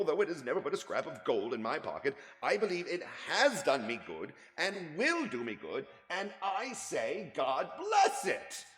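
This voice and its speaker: Man playing a cheerful young nephew, high and lively. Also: exaggerated voice. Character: cheerful, warm-hearted young nephew, gaily pleading. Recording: echoey room with long reverb.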